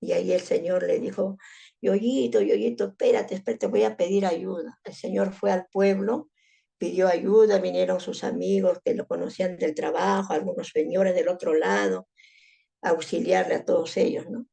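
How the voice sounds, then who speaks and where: Middle-aged woman telling her story in an interview, low mellow tone with lots of fry. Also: little pitch movement, moderate pace. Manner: emotional recounting, frequent "¿no?" tag. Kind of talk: personal storytelling.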